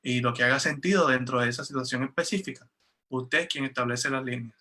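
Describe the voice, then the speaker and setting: Un hombre que interpreta una conversación en una videollamada y habla en tono conversacional, con muchas muletillas y frases que vuelve a empezar. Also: male voice, mid-range voice, a little fast, sharp tone. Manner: conversational, with frequent fillers and restarts. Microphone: video call.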